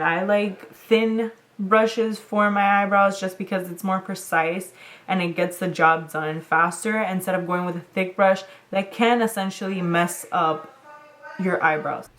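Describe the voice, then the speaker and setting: A woman's voice: fairly low pitch, fairly bright tone. A woman beauty vlogger talking viewers through a makeup tutorial in a chatty, informal way, as if to friends. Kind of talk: casual makeup tutorial chat.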